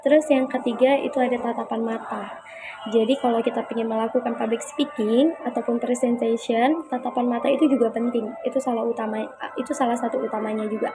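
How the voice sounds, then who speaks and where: A young woman giving an informal class presentation, chatty and hesitant, pausing often with fillers. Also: fairly high pitch, fairly even intonation, noisy background. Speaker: student presenter.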